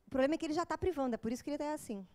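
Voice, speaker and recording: A woman's voice: sits high, racing, warm tone. A woman with a Brazilian Portuguese accent giving an informal, joking lecture to a live audience. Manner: joking, chatty, with acted asides.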